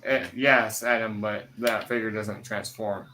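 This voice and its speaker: A man in a casual group chat, calmly explaining things matter-of-factly. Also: fairly low pitch, unhurried. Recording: noisy stream audio.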